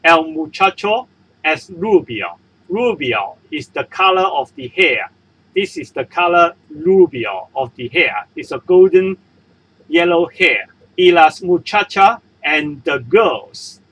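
A man with a Hong Kong accent, a native Cantonese speaker, teaching a beginner Spanish lesson in English over slides, slowly repeating each example and its translation. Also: fairly high pitch, very animated, fairly bright tone, husky, rough recording. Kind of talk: slow explanatory lesson narration. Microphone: voice-over for screen-recorded slides.

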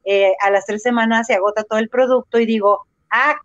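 A Mexican woman speaking Spanish as an interview guest, an animated storyteller who acts out her own reactions. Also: a little high, fast, highs cut off. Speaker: interview guest, runner and entrepreneur. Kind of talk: casual interview over a live video call. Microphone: video call microphone.

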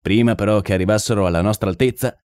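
Low-voiced man narrating a story. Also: fast, a little mellow, dry recording, studio quality. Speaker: audiobook narrator. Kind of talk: scripted narration.

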